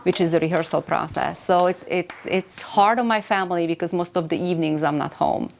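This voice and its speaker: Low-voiced Hungarian woman teacher. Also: vocal fry, a little hiss or hum. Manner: thoughtful, with many filler pauses. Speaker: theater voice teacher. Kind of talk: interview.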